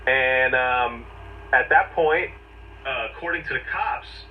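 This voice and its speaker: A man's voice: medium pitch, slow. A man giving a conversational legal explainer, telling it step by step in emphatic short phrases. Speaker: legal commentator. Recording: distant, dull, noisy replayed audio.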